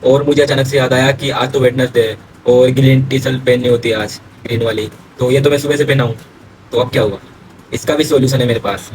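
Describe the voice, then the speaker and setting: A man's voice: mid-range voice, slight background noise, rough recording. A young man talking casually to camera in a vlog, chatting to viewers and calling them guys and brother. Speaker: vlogger. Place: outdoors and indoors, around his coaching centre and home.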